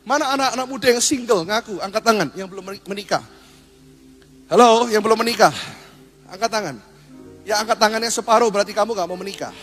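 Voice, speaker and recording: High-voiced lively man preaching. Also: fast, pauses often, soft background music. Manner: lively, humorous preaching with acted asides and audience questions. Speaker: pastor. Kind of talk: sermon.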